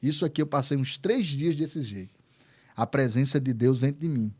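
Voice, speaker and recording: A man's voice: medium pitch, moderate pace, a little mellow, breathy edge. A man, a pastor, telling his testimony as an interview guest, earnest and repeating words for emphasis. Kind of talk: emotional testimony in conversation.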